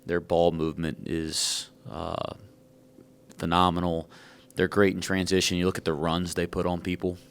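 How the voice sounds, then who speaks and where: Man, basketball coach, out of breath, deep voice, monotone delivery, rambling and frank, press conference podium. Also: normal speed, gravelly, smooth. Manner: frank, rambling, self-joking.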